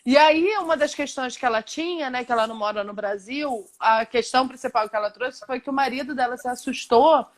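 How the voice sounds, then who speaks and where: A woman's voice: high voice, fairly quick, few pauses. A woman with a Brazilian Portuguese accent, a Gestalt therapist who explains at length and with emphasis in a live online discussion over a video call.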